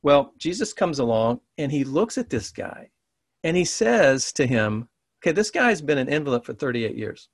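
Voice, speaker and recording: A man's voice: medium pitch, very animated, no echo. Earnest male pastor with an everyday mid voice, talking the sermon through plainly; dry, close recording. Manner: earnest, conversational, slows for the blessing.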